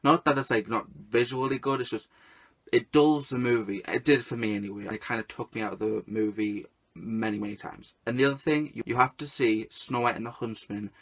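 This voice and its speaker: A man's voice: medium pitch, fairly quick, fairly bright tone, breathy edge. A man giving a casual movie review to camera, talking emphatically and stacking repeated intensifiers.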